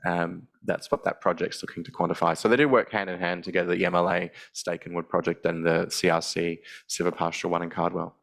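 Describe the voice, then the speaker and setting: A man speaks low and flat, with a gravelly rasp. He answers webinar questions into a headset, stopping and restarting often. The delivery stays even and unhurried. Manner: hesitant, many ums and restarts. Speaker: forestry project officer.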